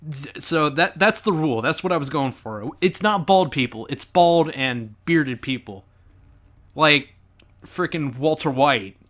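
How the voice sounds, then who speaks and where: A man's voice: fairly high pitch, unhurried. Sarcastic guy reacting to his old let's play, voice bouncing all over. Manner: animated, sarcastic and joking.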